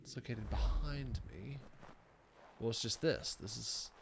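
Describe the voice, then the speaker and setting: A man's voice: mid-range voice, unhurried, gravelly, a little hiss or hum. A man streaming a video game, making self-mocking jokes as he plays. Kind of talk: gameplay commentary.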